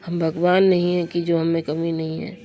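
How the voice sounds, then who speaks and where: A young woman with a hoarse, sore throat, chatting confidingly to her viewers in a casual vlog. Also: lowish voice, little pitch movement, normal speed, dark tone. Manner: confiding, addresses viewers as friends. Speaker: vlogger. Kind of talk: casual everyday vlog narration.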